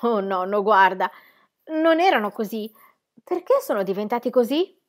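A woman voicing an eager, curious little girl in a storybook reading, talking excitedly and full of questions. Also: mid-range voice, normal speed, natural voice.

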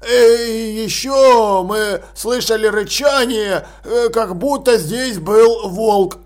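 A man's voice: high voice, slow pace. A man voicing an anxious male diamond merchant who speaks hesitantly. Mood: worried. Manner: hesitant, worried.

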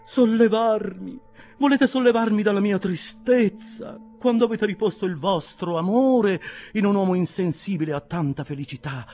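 A man's voice: fairly high pitch, darkish tone, pitched above the performer's own voice, close to an everyday voice. A man reading an audiobook, voicing a scheming swindler who talks in clipped, staccato phrases with melodramatic flair. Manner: theatrical, melodramatic. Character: smooth-talking scheming adult male swindler.

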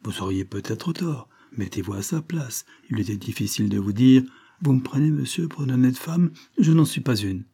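A polite, uneasy Parisian gentleman, voiced by a male reader in a storybook reading, a bit lower and quieter than the narration. His dark, husky tone is reserved and measured. He answers with careful courtesy. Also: animated.

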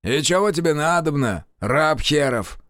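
A man voicing a fierce, scornful old village sorcerer who speaks bluntly in rough rustic speech and swears. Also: on the high side, lively intonation, measured pace, fairly bright tone, no echo, clean studio sound, pitched above the performer's own voice. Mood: gruff.

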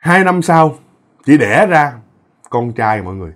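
A man's voice: on the high side, very animated, normal speed, fairly bright tone. Chatty male storyteller. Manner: chatty, addresses listeners directly, repeats words for effect. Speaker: ghost story narrator. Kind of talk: casual spoken storytelling.

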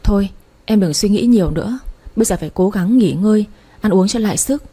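A woman's voice: mid-range voice, fairly quick, mellow, slightly rough, natural voice. A woman voicing a young husband who is firm but caring, reading him in her own voice.

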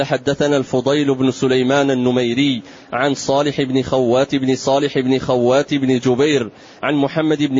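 A man's voice: medium pitch, darkish tone. A man reading a religious text aloud before a lesson, stumbling over long chains of names. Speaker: student reader. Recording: muffled lo-fi recording.

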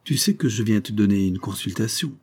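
A man reading aloud, voicing an older country notary who talks in a wry, teasing, mock-official way, with a dark, husky voice. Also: fairly low pitch, lively intonation, fairly quick. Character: old country notary, sly and amused.

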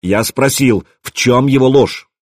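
A man's voice: mid-range voice, measured pace, dry recording, studio quality, lightly acted. A man doing a stern, impassive Viking chief. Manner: dispassionate, stern.

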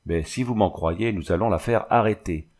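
A man reading the part of an excitable, self-satisfied village haberdasher. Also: deep voice, normal speed. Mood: smug eager. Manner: eager and pleased with himself.

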